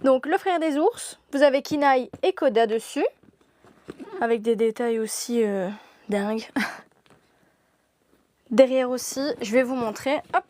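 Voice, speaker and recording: A woman's voice: on the high side, slow, pauses often, a little mellow. A young woman presenting products in a shop during a live stream, gushing and laughing often.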